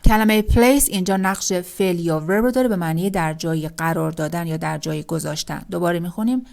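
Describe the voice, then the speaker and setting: Woman teaching English vocabulary, slow drills. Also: lowish voice, gravelly, darkish tone. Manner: reads English example sentences very slowly, then explains them briskly. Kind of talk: vocabulary lesson.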